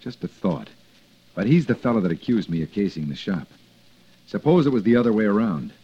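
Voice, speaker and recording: A man's voice: fairly low pitch, very animated, brisk, warm tone, husky. An actor playing a hard-edged man on the run after a false accusation, in clipped, insistent old-time radio drama style. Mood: determined. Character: hard-edged male fugitive wrongly accused. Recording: dull lo-fi old radio recording.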